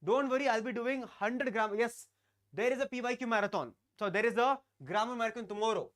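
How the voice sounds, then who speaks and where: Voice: mid-range voice, a little fast, a bit bright. Teacher doing a live online class, keeps repeating bits, talks to the chat. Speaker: English teacher.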